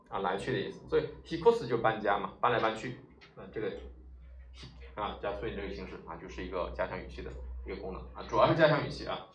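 A man teaching Japanese vocabulary, explaining each word and asking rhetorical questions, with many drawn-out "ah" fillers. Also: on the low side, a little hiss or hum. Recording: roomy echo, mic at a distance, faint ambience.

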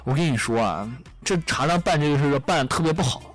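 Young male radio host, higher voice with lively swoops, chatty and giggly, faint music behind. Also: fast talker. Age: young adult. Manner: chatty, laughs at his own jokes. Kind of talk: casual comedic storytelling.

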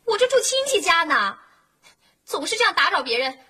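A woman's voice: very high voice, big pitch swings, a little fast, pushed and bright, heavily acted. A young woman playing an upset young woman who complains indignantly and tearfully about being pushed around. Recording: noisy TV sitcom soundtrack.

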